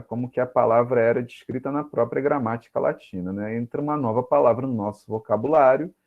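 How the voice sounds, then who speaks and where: A Brazilian man teaching an online Latin class, reading Latin lines aloud and explaining them in Portuguese with frequent tag questions. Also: medium pitch. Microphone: video call. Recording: tinny phone-like audio.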